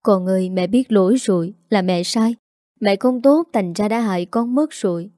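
Give me a woman playing a remorseful older mother pleading slowly through tears in an audio story. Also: mid-range voice, warm tone, no room sound, clean studio sound, lightly acted. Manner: tearful, slow pleading.

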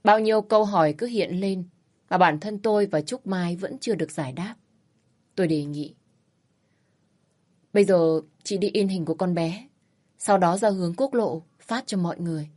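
A woman reads a first-person story aloud at an even, steady pace. Her delivery is plain and reflective, with the calm of a storyteller. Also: lowish voice, moderate pace, pauses often. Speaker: narrator.

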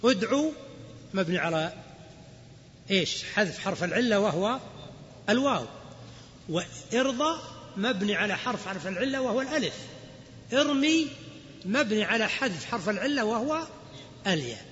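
Scholar lecturing in a reverberant hall. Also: male voice, sits high, big pitch swings, normal speed, pauses often, fairly bright tone, slight background noise. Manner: explains then quizzes students. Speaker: Islamic scholar teaching grammar. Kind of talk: classroom lecture. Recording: lo-fi recording with long hall reverb.

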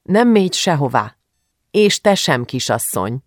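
A reader voicing a worried, stern mother in an audiobook, speaking firmly and low. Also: sing-song, no echo, clean studio sound.

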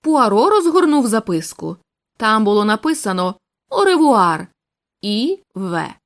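A woman reading a detective novel aloud in a scripted, expressive storytelling manner. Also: mid-range voice, normal speed. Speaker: audiobook narrator. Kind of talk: scripted narration.

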